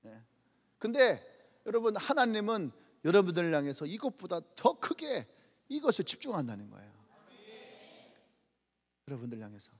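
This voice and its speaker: Male pastor preaching, high voice that swoops all over, long echo like a big church. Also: moderate pace, long pauses, breathy edge. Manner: lively storytelling, acts out little scenes and calls out hallelujah. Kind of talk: sermon. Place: church sanctuary. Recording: long church-hall reverb.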